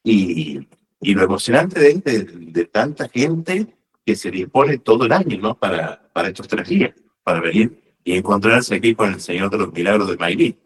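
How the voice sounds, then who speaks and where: A man's voice: on the low side, big pitch swings, normal speed. A man from Argentina, a parish priest, answering in a hesitant way with many fillers and tag questions. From northern Argentina. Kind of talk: casual interview answers. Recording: voice a bit far from the mic.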